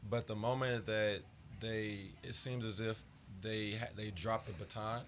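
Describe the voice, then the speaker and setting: A man with a fairly low voice hosts a casual podcast chat, worked up and repeating himself as his points build. His voice is wearing hoarse. There is a faint hiss of noise behind him. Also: a little slow. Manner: animated, restarts, hypes up his points. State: losing his voice. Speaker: podcast host.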